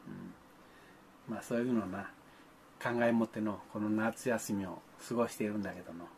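A man's voice: on the low side, brisk, darkish tone, a little hiss or hum. An older man, talking to children in a folksy, grandfatherly way, with old-fashioned speech and playful sound effects. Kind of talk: folksy monologue to the camera.

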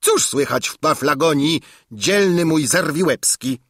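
A man's voice: a little high, expressive, measured pace, a bit bright, no echo, studio quality, pitched above the performer's own voice. A man voicing a cruel, hot-tempered tyrant king who shrieks out orders in an audiobook. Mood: hearty, boastful. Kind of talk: audiobook character voice.

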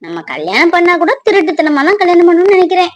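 A woman's voice: extremely high pitch, fast, muffled recording. A young woman, playing a playful, chatty village girl wary of her strict family. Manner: playful and chatty, lively intonation. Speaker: actor in a family fan drama. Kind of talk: village romance drama acting.

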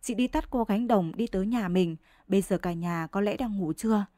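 A woman's voice: medium pitch, normal speed, mellow, no room sound. Woman narrating a village story, dry sound. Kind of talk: scripted narration, bedtime story reading.

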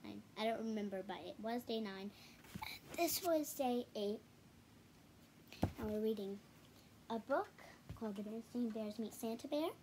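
Filmed on a home camera in a living room, a girl aged about ten to twelve reads a picture book in a fairly high voice. Her reading is halting, full of stumbles and repeats, with casual comments in between, and some noise is audible in the background.

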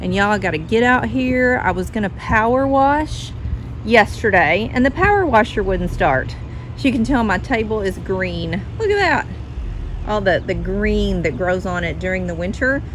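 A woman's voice: expressive, moderate pace, slight background noise, low-quality recording. Chatty woman filming a home tour. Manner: chatty, talks to her dog in a high sing-song voice. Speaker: vlogger. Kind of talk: casual home tour vlog. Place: outdoor patio then inside a house. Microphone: phone held at arm's length.

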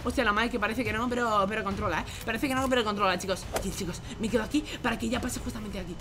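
A young man from Spain with a Spanish accent, doing excited gameplay commentary, going from hushed whispers to shouts and repeating himself rapidly. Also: high voice. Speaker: gaming YouTuber. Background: music.

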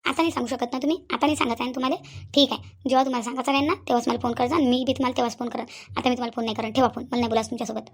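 An angry young fiancée, voiced by a woman, speaks very fast in a high voice with a Vidarbha Marathi accent. She fires accusing questions and repeats them over and over. A cartoon role. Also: steady tone, lightly acted. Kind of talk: cartoon voice acting.

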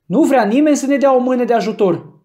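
A man's voice: high-pitched, lively intonation. A man doing a furious young rescuer. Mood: shouting angrily. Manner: shouting, commanding. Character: young man, angry determined dog rescuer.

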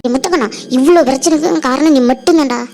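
Actress for a sharp-tongued young college woman, high voice, rapid delivery. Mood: scolding. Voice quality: quick, scolding, teasing. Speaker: college student. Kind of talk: village family drama acting.

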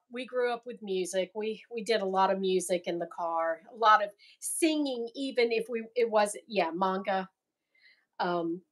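A middle-aged woman from the American South, hosting a knitting podcast in casual, rambling chat and laughing often. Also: medium pitch. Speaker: podcast host.

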